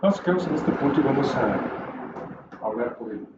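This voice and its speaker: A man teaching a Bible class, explaining calmly and tossing in rhetorical questions, recorded from a distance in a roomy space. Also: mid-range voice, a little fast, dull audio, very noisy.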